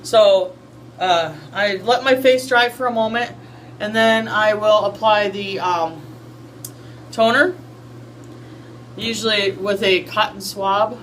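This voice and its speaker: Her mid-range, fairly bright voice moves at a slow pace with long pauses. She is a skincare vlogger in her early forties, chatting casually and folksily, full of fillers, through her routine in a small home bathroom. The close built-in camera mic gives poor audio with a little hiss or hum.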